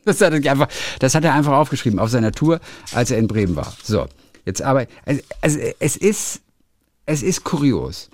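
A man's voice: medium pitch, sing-song, fairly quick. A man on a casual podcast, reading bits of a book aloud and laughing often. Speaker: podcast co-host.

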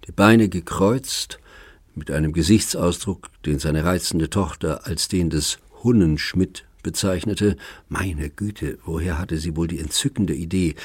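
Brief: deep, husky male narrator for literary audiobook; even, measured reading, close dry studio sound. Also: no echo.

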